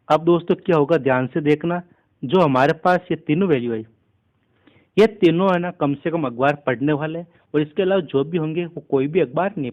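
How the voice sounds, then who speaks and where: A man teaching a maths lesson for an exam, explaining each step slowly and steadily. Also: on the high side, dull audio. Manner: steady step-by-step explaining, keeps addressing listeners as friends.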